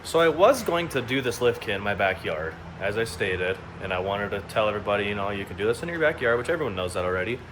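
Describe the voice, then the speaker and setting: A young vlogger with a low voice talks fast and expressively, barely pausing, while he works on his truck and rambles with self-deprecating humor. Sometimes he's out of breath. He records on a phone propped up near him, indoors in the workshop and out in the backyard, with a noisy background.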